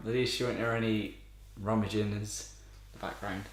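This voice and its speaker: A man's voice: lowish voice, fairly even intonation, normal speed, slight background noise. A man co-hosting a casual gaming chat, informal and sweary, recorded in a very echoey room. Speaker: podcast co-host. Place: indoor room with strong echo. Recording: very echoey room, big echo.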